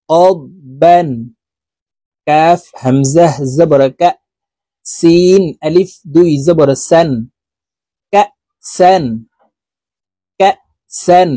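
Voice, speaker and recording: A man teaching Quran reading, spelling out syllables slowly and adding quicker, quieter explanations. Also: on the high side, dry recording. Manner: drawn-out spelling drills, quicker quieter asides. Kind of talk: slow recited lesson with explanations.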